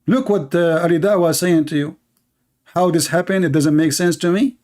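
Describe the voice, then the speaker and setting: A brisk man with a slightly high, darkish voice hosts a live online debate in English. Arabic is his first language, and he leans on his words with mocking sarcasm.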